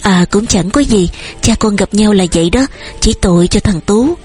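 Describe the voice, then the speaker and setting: A woman with a breathy voice reading the lines of a gentle, soothing middle-aged farm wife who pleads softly. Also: medium pitch, moderate pace, soft background music, lightly acted. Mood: pleading. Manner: soft, pleading.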